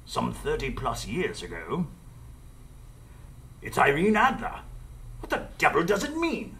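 A man playing an earnest older gentleman doctor who narrates a live radio drama in the first person. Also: on the high side, huge pitch swings, measured pace, creaky, heavily acted. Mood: astonished. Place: live stage before an audience.

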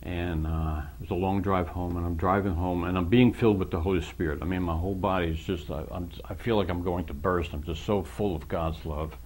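A man tells the story of his conversion in an earnest, emotional way, acting out the conversations he remembers. His voice sits fairly low and sounds husky, and at times he sinks into a near whisper. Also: fairly even intonation, brisk, few pauses. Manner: earnest, emotional, quotes others in dialogue; voice drops to soft whispers at moments. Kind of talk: personal testimony, storytelling.

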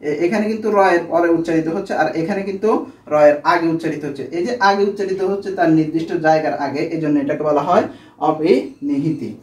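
A man's voice: fairly high pitch, rapid-fire, echoey room, far from the mic. A man teaching a school grammar lesson, asking questions and then answering them himself.

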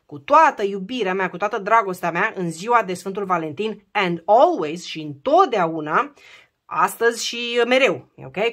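A woman teaching English phrases in a casual video lesson, explaining warmly and checking in often with her viewers. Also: mid-range voice. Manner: lively, explains with frequent "da?" check-ins.

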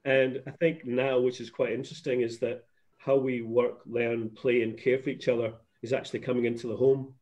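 A man's voice: medium pitch, level tone, a little fast, darkish tone. A middle-aged man from Scotland, chatting as a guest over a video call from his home office, rambling with restarts. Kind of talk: casual video call interview. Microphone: laptop webcam video call. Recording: muffled video call audio.

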